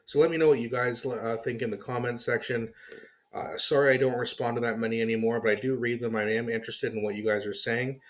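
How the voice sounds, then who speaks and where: A man's voice: medium pitch, steady tone, fast talker. Exasperated male commentary host, swearing. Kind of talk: ranting reaction commentary.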